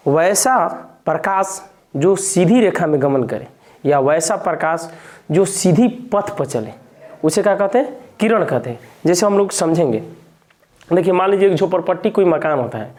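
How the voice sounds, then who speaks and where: Mellow-voiced teacher quizzing himself aloud. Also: male voice, high-pitched. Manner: repetitive, asks and answers own questions. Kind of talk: classroom physics lesson.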